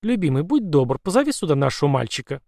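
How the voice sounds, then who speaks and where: A man voicing a sweetly menacing possessed mother who speaks in a sugary, calm, coaxing way. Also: a little high, fast, creaky, dry recording, studio quality.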